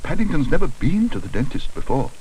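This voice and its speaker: A man voicing a gentle, anxious, apologetic motherly woman in a children's storybook. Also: fairly high pitch, very animated, fairly quick, distant mic, a little hiss or hum, voice pushed up, low-quality recording.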